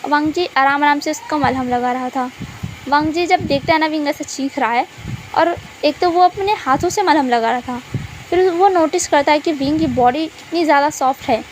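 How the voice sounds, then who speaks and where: A woman reading a fan-fiction story aloud in a plain, steady telling voice. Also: sits high, normal speed, a little hiss or hum, low-quality recording. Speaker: story reader.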